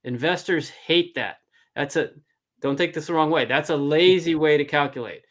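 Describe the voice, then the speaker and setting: A man's voice: a little high, moderate pace, a bit bright. A man giving informal, blunt and emphatic advice as an angel investor coaching a founder, often checking in with "right?".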